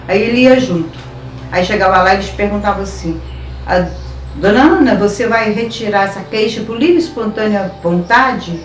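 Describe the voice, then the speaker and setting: A Brazilian woman recounting a personal story as an interviewee, often with rising emotion. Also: mid-range voice. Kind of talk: personal testimony. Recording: echoey room, distant mic, faint music.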